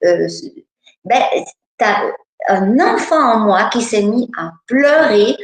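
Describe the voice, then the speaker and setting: A woman's voice: fairly high pitch, animated, takes it slowly, roomy sound, low-quality recording. A woman giving a personal testimony, speaking hesitantly with many filler sounds.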